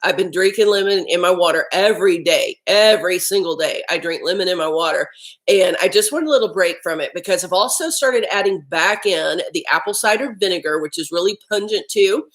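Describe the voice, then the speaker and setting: A woman's voice: lowish voice, brisk, low-quality recording. A woman hosting a casual live-stream chat about healthy eating, talking while she eats lunch at home. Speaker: health vlog host.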